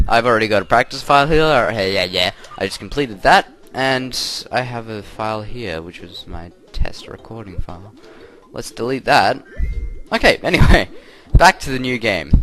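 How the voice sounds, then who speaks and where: Rambling young gamer. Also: male voice, medium pitch, fairly bright tone. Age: young adult. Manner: rambling, self-interrupting, chuckly. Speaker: let's play host. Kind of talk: casual game commentary.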